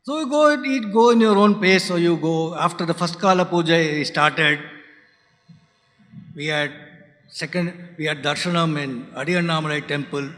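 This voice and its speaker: At a spiritual centre's founders day, a man whose mother tongue is Tamil gives a reflective spiritual talk in a bright, fairly high voice. His delivery is halting, often dropping to a soft hush, and the long reverb of a lecture hall rings around him.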